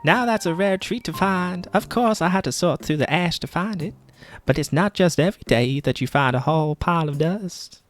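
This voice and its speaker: A man voicing a fussy janitor in a game with a pompous, drawn-out delivery, pitched higher than his own voice. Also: dry recording, soft background music, close to an everyday voice. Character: fussy male janitor marveling at dust.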